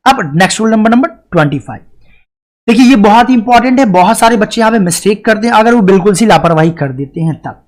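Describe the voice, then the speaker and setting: Man teaching grammar, slow deliberate examples. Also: sits high, expressive. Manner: explains step by step, often asks and answers his own questions; reads English example sentences slowly and deliberately. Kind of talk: classroom lecture.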